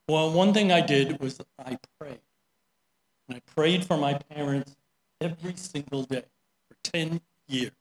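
A man's voice: fairly high pitch, fairly bright tone. A middle-aged man giving a sermon, telling a story in a chatty way with many "right?" asides. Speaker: preacher. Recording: roomy echo.

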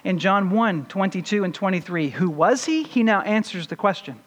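A man with a notably high voice preaches a teaching sermon, asking questions of his listeners and then answering them. His words ring out with a long reverb from a large church sanctuary. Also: lively intonation, normal speed, muffled recording. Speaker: pastor.

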